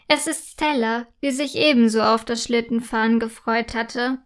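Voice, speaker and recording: A woman narrating a children's story in a gentle, clearly articulated way. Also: on the high side, steady tone, normal speed.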